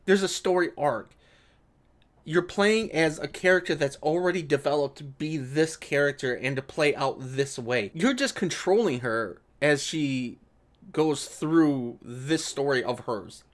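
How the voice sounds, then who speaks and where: A video creator reacts to an article, switching between reading it aloud and giving casual commentary. His voice is expressive, unhurried and on the high side. He comes across as sarcastic, exasperated and profane.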